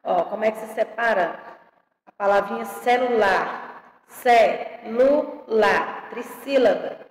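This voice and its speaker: A woman teaching young children an online grammar lesson, drawing out each word slowly and checking in with them affectionately. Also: mid-range voice. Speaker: primary school teacher. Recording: echoey room with long reverb.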